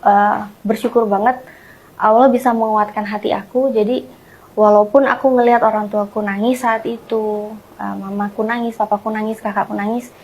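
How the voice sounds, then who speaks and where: A woman being interviewed, earnestly retelling a personal story in casual chat, often trailing off softly at the ends of phrases. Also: mid-range voice, little pitch movement, normal speed, breathy edge, poor audio. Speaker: guest sharing her conversion story.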